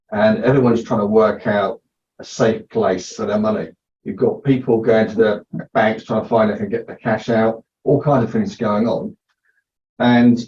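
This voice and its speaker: A man's voice: medium pitch, a little mellow. A man musing aloud on a group video call, piling up rhetorical questions. His voice carries a roomy echo and sounds dull and muffled. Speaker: participant. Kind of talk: casual group chat. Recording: echoey muffled call audio.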